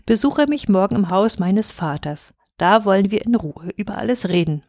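A woman voicing a clever young noblewoman in a storybook, speaking in a composed, measured way. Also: fairly low pitch, no echo, clean studio sound, lightly acted. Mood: feigned sweetness. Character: clever young noblewoman, scornful, feigning sweetness.

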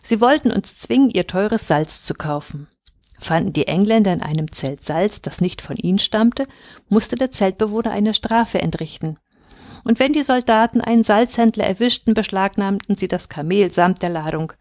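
Woman telling a bedtime story, gentle and measured, dry close sound. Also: medium pitch, lively intonation, no echo.

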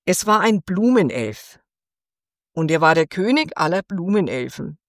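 Slow, expressive woman reading a fairy tale. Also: on the low side, no echo, clean studio sound. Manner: gentle, expressive read-aloud. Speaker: storyteller.

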